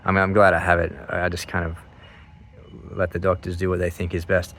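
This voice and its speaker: Very deep-voiced man, casual and rambling. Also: completely flat delivery, a little fast, fairly bright tone, a little hiss or hum. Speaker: vlogger sharing surgery recovery update.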